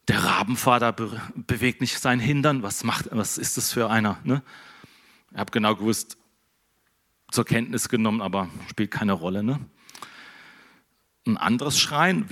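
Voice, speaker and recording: A middle-aged man preaching a relaxed, conversational sermon and tagging his sentences with a questioning "ne?". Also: medium pitch. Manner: conversational, keeps adding "ne?". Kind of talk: casual sermon.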